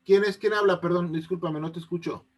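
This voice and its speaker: A male teacher with a fairly high voice talks through an online lesson over a video call. He explains patiently, step by step, and keeps asking whether the students are following. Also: fairly even intonation, brisk. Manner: patient, checks often that students understand. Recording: unstable connection.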